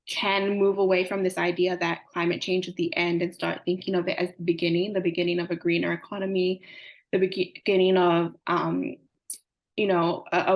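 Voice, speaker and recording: A young woman, answering interview questions earnestly with frequent fillers. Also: on the low side. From Samoa. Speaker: climate advocate guest.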